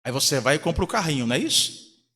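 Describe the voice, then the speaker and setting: A man's voice: fairly high pitch, sing-song, fast, pushed and bright, husky, big-room sound. A man, a pastor from Brazil, preaching a sermon in a church, telling a family story and acting out the voices of the people in it. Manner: storytelling, acts out quoted voices. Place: church hall.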